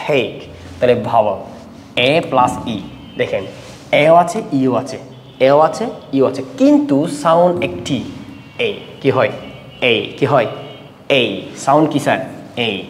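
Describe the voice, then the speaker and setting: Man teaching in an echoey room. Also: mid-range voice. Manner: asks questions and answers them himself, repeating words slowly; switches between Bengali and English. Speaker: English teacher. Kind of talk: classroom lesson on syllables. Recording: echoey room with long reverb, faint background hiss.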